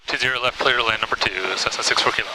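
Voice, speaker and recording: A man flying solo in a small plane speaks in a mid-range voice, casual or as a pilot over the radio. Clear cockpit and engine noise surrounds him. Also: medium pitch, very fast.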